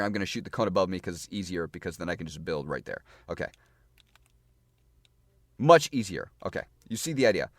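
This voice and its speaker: A gaming guide creator with a lowish voice walks through game tactics in a casual gameplay tutorial, repeating phrases and thinking aloud as he plays in a loose, chatty way. The sound is close and dry, without room echo.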